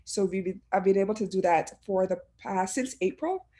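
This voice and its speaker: A woman's voice: medium pitch, moderate pace, warm tone. A woman from Barbados, speaking earnestly and from the heart as a panelist on a video call, often restarting her phrases. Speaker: panelist, education administrator. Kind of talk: reflective personal talk on a panel.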